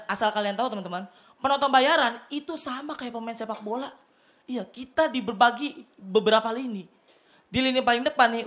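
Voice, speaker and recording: A stand-up comedian from Tanjung Priok, Jakarta, Indonesia, speaks in an extremely high-pitched voice with a colloquial Jakarta Indonesian accent. He performs a loud, excitable routine on a TV studio stage before a live audience, bursting into shouted punchlines. Audience laughter fills the background.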